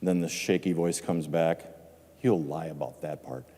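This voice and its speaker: An older man giving a measured, reflective farewell speech from a legislative chamber floor, with touches of dry humor. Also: extremely low pitch, fairly even intonation, mellow. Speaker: departing state legislator. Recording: long reverb of a large chamber.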